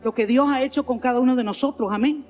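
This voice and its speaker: High-voiced Venezuelan woman preaching in a hall. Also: quick pace, darkish tone. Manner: earnest preaching with repeated phrases and frequent "amén". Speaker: pastor. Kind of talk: sermon. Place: large church sanctuary. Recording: long hall reverb, faint music underneath.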